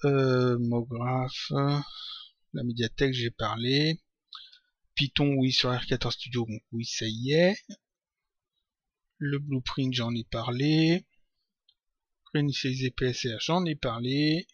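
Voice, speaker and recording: A man's voice: mid-range voice, fairly even intonation, takes it slowly, long pauses, dry recording, lo-fi sound. Man, tutorial host, casual q&a, hesitant with fillers, dry close mic. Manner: hesitant, many fillers and restarts. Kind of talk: casual screen-recorded Q&A.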